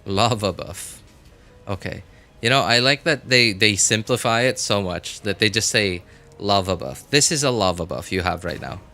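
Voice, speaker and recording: Over background music, a man streams a game and rambles through casual live commentary, thinking out loud as he goes. His fairly low voice has lively intonation, vocal fry, and a pushed, bright quality, and he speaks at normal speed.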